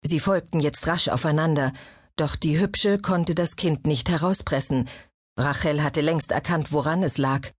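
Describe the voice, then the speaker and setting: A woman reading a historical novel as an audiobook in a measured storytelling manner. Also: low voice, dry recording, studio quality. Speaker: audiobook narrator. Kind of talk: scripted narration.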